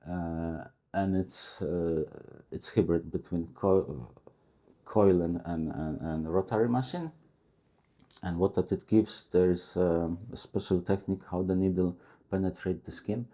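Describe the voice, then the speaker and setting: A man in his forties from Poland with a Polish accent, speaking halting non-native English as a guest in a casual interview. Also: low-pitched, fairly even intonation, mellow. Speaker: guest tattoo artist. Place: tattoo shop.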